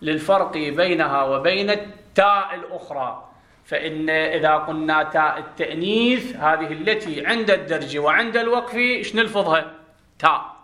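A man's voice: fairly high pitch, bright, forceful tone, echoey room. A man teaching a grammar class, explaining step by step and putting questions to his students. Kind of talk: classroom lesson.

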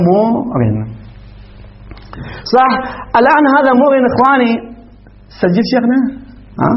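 Brisk male grammar teacher, high voice, dull lo-fi recording. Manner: quick, questioning the class, laughs often. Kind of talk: Arabic grammar lesson.

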